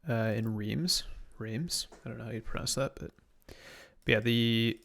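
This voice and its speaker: A man's voice: medium pitch, steady tone, a little slow, vocal fry, fairly bright tone. A young man from Canada, live-streaming a reverse-engineering session, thinking aloud casually and answering chat. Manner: casual, muttering to himself, reading chat questions.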